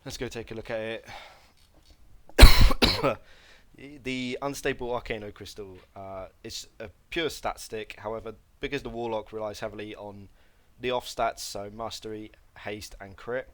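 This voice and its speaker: A man's voice: lowish voice, fairly even intonation, normal speed, hardly any pauses. A man giving a casual gameplay tutorial, rambling and correcting himself with lots of fillers, with a slight cough. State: coughing, slight throat irritation. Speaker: game guide presenter.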